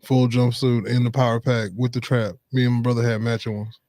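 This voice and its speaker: Man, co-host, playful banter, mid pitch, dry sound. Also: flat delivery, darkish tone, dry recording. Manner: playful, quick to laugh and chime in. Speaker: podcast co-host. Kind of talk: casual podcast chat.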